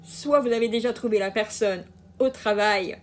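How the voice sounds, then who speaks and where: A woman's voice: mid-range voice, normal speed. A woman giving a casual general tarot reading, hesitant, with many fillers and restarts and the odd laugh at her own jokes. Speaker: tarot card reader.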